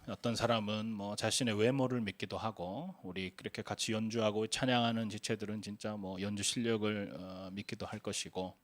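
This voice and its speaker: A man's voice: on the low side, dry recording. Earnest male pastor, dry sound. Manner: earnest storytelling with frequent hesitant fillers. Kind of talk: sermon.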